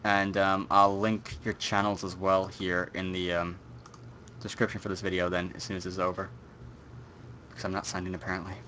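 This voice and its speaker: Rambling young man, bright voice. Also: low voice, little pitch movement, normal speed, slight background noise. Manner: rambling, many fillers. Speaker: stream host. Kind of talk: casual chat.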